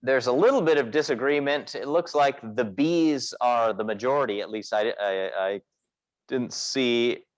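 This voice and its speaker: Recorded during a class meeting, a man teaches physics at normal speed in a medium-pitched voice. He breaks the explanation into steps and keeps asking the students questions.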